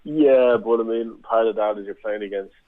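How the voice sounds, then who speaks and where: A man joining a casual football podcast, giving measured, hedging opinions over a tinny phone line. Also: lowish voice, dry recording. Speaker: podcast panelist.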